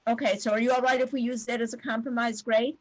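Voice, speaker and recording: A woman math teacher chatting briskly and warmly with her students on a video call, with lots of fillers. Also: a little high, little pitch movement, no room sound, low-quality recording. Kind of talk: casual talk with students after class.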